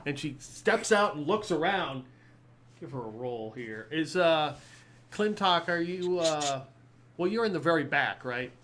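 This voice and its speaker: A man's voice: a little high, lively intonation, measured pace, a bit bright, slight background noise. Rambling man running a tabletop game. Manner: rambling, full of fillers and little laughs. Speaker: game master.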